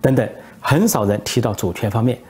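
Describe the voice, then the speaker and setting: A male political commentator spinning a satirical tale in a relaxed storytelling way, with frequent hesitations. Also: mid-range voice, a little fast, breathy edge.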